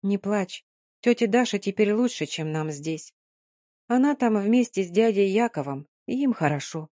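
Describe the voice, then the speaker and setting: A woman's voice: medium pitch, animated, unhurried, mellow, dry recording, studio quality, natural voice. A woman reading an audiobook, voicing a fierce, stubborn young woman who scolds sharply and then consoles firmly. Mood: consoling.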